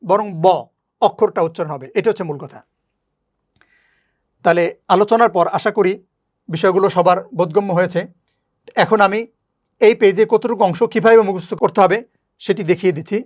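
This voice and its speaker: A woman teaches a recorded lesson on reading the Quran, her voice sitting at a mid pitch. She goes through each rule patiently and repeats the key points. Then she chants short syllable drills in a steady, even rhythm.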